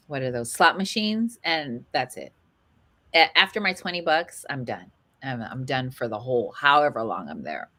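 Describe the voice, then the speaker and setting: Low-voiced chatty woman co-host. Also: bright, forceful tone. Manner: chatty, upbeat, greets listeners by name. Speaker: radio co-host. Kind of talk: casual chat.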